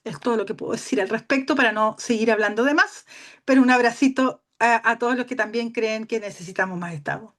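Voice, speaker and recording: A tired woman giving a passionate, emphatic webinar talk over a video call, her voice turning shrill. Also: fast talker, fairly bright tone. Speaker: guest speaker.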